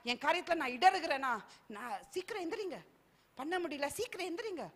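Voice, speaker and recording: A woman's voice: high voice, bright, forceful tone. A woman preacher, delivering a fervent sermon and often repeating phrases and calls of hallelujah. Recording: long hall reverb.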